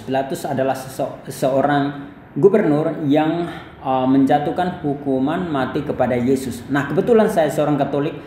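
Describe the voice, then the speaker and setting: A man's voice: a little high, darkish tone, roomy sound, a little hiss or hum. Indonesian man teaching English pronunciation. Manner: explains slowly, repeats words many times with "ya". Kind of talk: pronunciation lesson.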